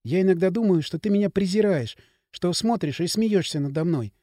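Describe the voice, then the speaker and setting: A male reader voicing a frightened young woman who speaks through tears in halting, pleading phrases. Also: high voice, lively intonation, mellow, no echo, studio quality. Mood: tearful. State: crying. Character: young woman, tearful and anxious.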